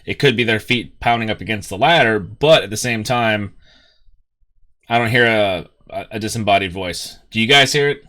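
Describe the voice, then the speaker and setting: Male reaction host, lowish voice, casual and skeptical, addresses viewers directly. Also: normal speed, bright, forceful tone. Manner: skeptical, talks straight to viewers.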